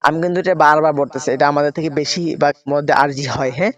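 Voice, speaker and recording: A man's voice: fairly high pitch, fairly even intonation, rapid-fire, muffled recording. A man teaching Quran reading step by step, spelling out letters and vowel marks and often checking in with his listeners.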